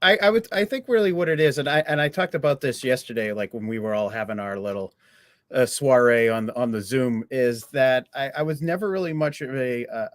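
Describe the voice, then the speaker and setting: A man's voice: medium pitch, no room sound. A man co-hosting a podcast, chatting casually in a rambling way with many restarts. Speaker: podcast co-host. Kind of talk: casual chat.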